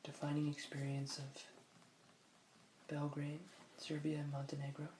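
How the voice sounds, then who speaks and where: ASMR host, soft whispered read-aloud, slow musing delivery, very even pitch, roomy sound, faint background noise. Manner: slow, musing asides between read passages. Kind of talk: whispered ASMR, reading aloud from a travel book.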